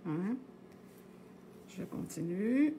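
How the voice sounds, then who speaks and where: A middle-aged woman with a Québécois French accent walks viewers through a knitting technique at home. Her talk is loose and chatty, with frequent pauses and filler words. Her pitch sits in the middle of the range, and a faint room ambience hums behind her. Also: animated, mellow, slight background noise. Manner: chatty and meandering, with many "euh" and tag "là". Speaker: knitting instructor on a live stream. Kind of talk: casual live knitting tutorial.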